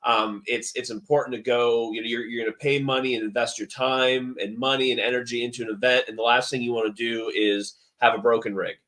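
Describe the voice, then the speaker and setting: A man's voice: mid-range voice, level tone, fairly quick, few pauses, a bit bright. A man appearing as a guest on a podcast, talking eagerly with many restarts. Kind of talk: casual interview chat.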